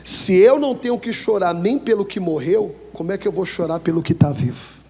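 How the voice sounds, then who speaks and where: Male Brazilian pastor, sermon, breathy voice, hall reverb, church. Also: fairly quick. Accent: Brazilian Portuguese. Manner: asks the church questions for them to answer; swings between loud high preaching and low quiet lines.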